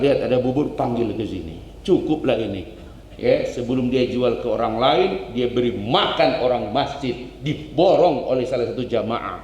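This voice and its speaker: Male ustadz, animated sermon storyteller; reverberant mosque hall. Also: mid-range voice. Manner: animated storytelling, direct address. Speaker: ustadz giving a dawn study at a mosque. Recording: echoey mosque hall, faint hum.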